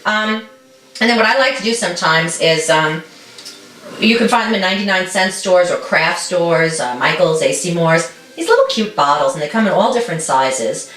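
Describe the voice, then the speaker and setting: A woman's voice: fairly low pitch, lively intonation, normal speed, fairly bright tone, echoey room, far from the mic, a little hiss or hum. A woman co-hosting a show, chatting casually and encouragingly as she demonstrates a recipe in a home kitchen, often checking in with "okay?". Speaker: co-host.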